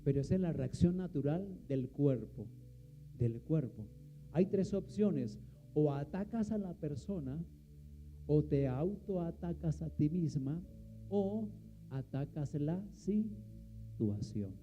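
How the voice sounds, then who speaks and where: A man's voice: fairly high pitch, animated, takes it slowly, muffled recording, soft background music. A man preaching a sermon, asking the congregation questions and answering them himself. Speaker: pastor.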